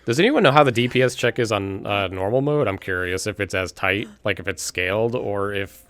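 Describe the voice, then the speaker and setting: A man's voice: fairly low pitch, brisk, fairly bright tone, no echo. A man doing casual, rambling live stream commentary on a game, informal and sweary, often chuckling as he talks.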